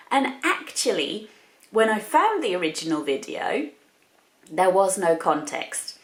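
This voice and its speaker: A female English teacher chats her way through a grammar point for learners, explaining it step by step with examples. Her voice is mid-range, and the room sounds echoey.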